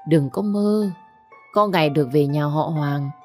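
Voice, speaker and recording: A woman voicing a fiery young woman who scolds and mocks in quick bursts. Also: lowish voice, lively intonation, soft background music, lightly acted. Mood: mocking. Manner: scornful, rapid scolding. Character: sharp-tongued young woman, fiery and mocking.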